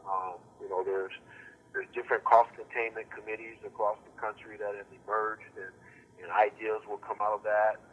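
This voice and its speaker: An older man speaks over a conference call line, answering reporters haltingly and repeating words as he restarts. His voice sits low with a bright, forceful edge and a husky grain. The call audio is dull and lo-fi. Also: level tone. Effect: heard over a conference call line. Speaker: official answering reporters' questions. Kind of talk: press teleconference answers.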